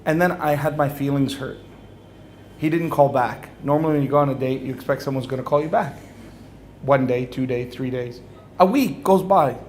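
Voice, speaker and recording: Animated man telling a funny story. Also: medium pitch, moderate pace, slight background noise. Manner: animated, acts out dialogue, often laughs. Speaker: religious speaker. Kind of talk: humorous personal storytelling to an audience.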